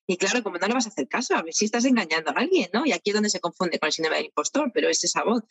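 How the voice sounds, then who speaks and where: A woman's voice: medium pitch, animated, fast talker, a bit bright, slightly rough, no echo. A woman in a casual conversation, speaking thoughtfully and building on what the others say. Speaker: guest speaker.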